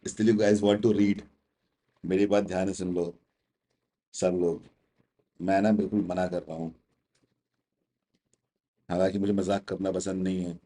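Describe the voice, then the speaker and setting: A man's voice: sits low, level tone, a little slow, long pauses, dark tone. A young man with an Indian accent, teaching test prep in a chatty, teasing way on a casual livestream. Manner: chatty, teasing, mixes Hindi and English.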